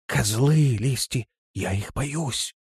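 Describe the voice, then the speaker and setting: A man's voice: medium pitch, slow pace, darkish tone, breathy edge, dry recording, studio quality, pitched above the performer's own voice, exaggerated voice. A man reading an audiobook, voicing a timid young female demoness who speaks in a trembling, pleading, fearful voice. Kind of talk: audiobook character voice.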